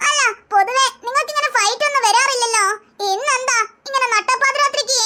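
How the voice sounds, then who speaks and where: Cartoon small child, shrill high voice, fondly scolding, heavy echo, noisy track. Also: quick pace. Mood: coaxing. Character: small child coaxing mother at night. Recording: very echoey, noisy, long reverb.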